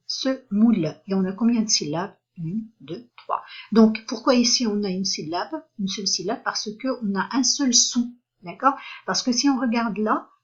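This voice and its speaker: A woman leads a slow, patient lesson, spelling out letters and sounding out each syllable. Her voice is a little husky and unhurried. The recording is dull and lo-fi. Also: a little high. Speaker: French teacher.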